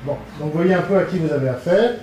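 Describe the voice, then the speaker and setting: A man hosting an event and introducing the guest speaker, halting with many fillers. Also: fairly high pitch, lively intonation, darkish tone, a little hiss or hum. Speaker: event host. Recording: distant mic in an echoey hall with faint ambience.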